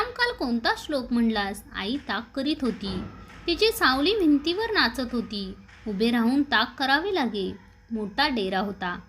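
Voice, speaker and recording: A woman reading a classic novel aloud as a storyteller, steady and expressive, with a lifted voice for the dialogue. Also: a little high.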